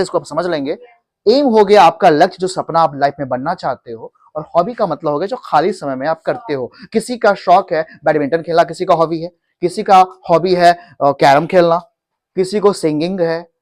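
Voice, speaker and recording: A man's voice: on the high side, darkish tone. A man with an Indian accent teaching an English class, mixing Hindi with English and having students repeat after him. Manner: asks questions and has the class repeat; mixes Hindi with English phrases. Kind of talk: classroom lesson.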